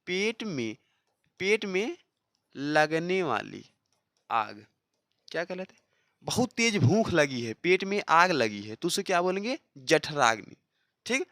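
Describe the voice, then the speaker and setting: An animated teacher whose pitch rises and falls a great deal while walking students through practice questions. They read each option aloud as a question and keep checking in with a quick "okay." The sound is close and dry, with no room around it. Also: dry recording. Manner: repeats key answers slowly for drilling. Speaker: Hindi teacher for exam preparation. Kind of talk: exam-prep lesson solving practice questions.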